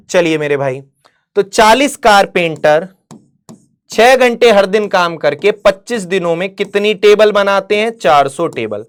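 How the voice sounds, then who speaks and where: A woman teaching an exam-prep maths lesson. She fires questions at her students, answers them herself, calls them "beta" and "mere bhai", and reads English problem text slowly before restating it. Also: mid-range voice. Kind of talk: online exam-prep lecture.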